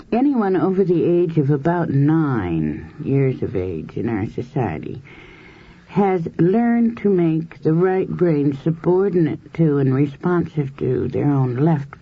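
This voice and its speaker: Husky woman lecturing on old tape. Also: sits low, expressive. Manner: measured, explanatory, with everyday examples and some fillers. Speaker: hypnosis and past-life researcher lecturing. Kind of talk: lecture to a group. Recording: dull lo-fi 1970s tape recording.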